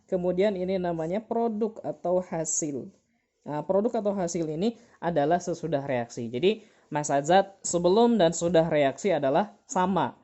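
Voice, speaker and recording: A woman's voice: fairly low pitch, animated, normal speed, dark tone, lo-fi sound. A woman teacher giving an online chemistry lesson, patient and repeating key terms with many fillers.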